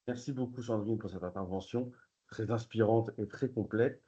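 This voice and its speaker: Male event host, medium pitch, dark relaxed tone, muffled lo-fi sound. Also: normal speed, breathy edge. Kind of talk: moderating a presentation. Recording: dull, lo-fi audio.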